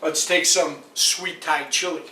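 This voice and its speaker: A man hosting a casual home cooking vlog, talking slowly and savoring the food as he tastes it in his kitchen. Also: fairly high pitch, roomy sound, slight background noise. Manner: slow, relaxed, savoring food between lines. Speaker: cooking show host.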